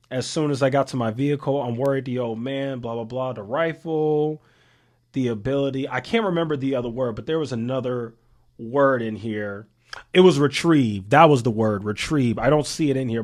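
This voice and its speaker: A thirty-year-old man giving casual political commentary to his viewers, emphatic and full of rhetorical questions, often repeating himself. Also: mid-range voice. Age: 30s. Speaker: commentary channel host.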